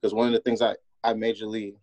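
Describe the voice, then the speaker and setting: Male host, conversational and informal, somewhat low voice, dry close sound, repeats words for emphasis. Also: little pitch movement, fast, darkish tone, no room sound. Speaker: podcast host. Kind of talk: casual conversational hosting.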